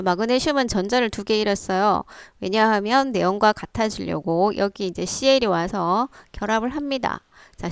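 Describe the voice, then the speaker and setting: A woman's voice: mid-range voice, smooth, no echo. A woman science teacher explaining step by step in a lecture, prompting with rhetorical questions. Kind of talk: classroom lecture.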